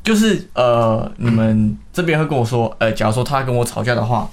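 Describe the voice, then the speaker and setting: A man's voice: medium pitch, a little fast. A man with a Taiwanese accent chatting casually as a guest and explaining slang. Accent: Taiwanese Mandarin. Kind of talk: casual chat.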